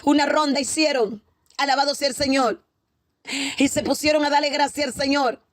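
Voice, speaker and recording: Her voice sits high, with a steady tone and moderate pace, as this woman preacher tells of a prophetic vision. The Pentecostal testimony is fervent and repetitive, punctuated by hallelujahs and praise. The recording is dry.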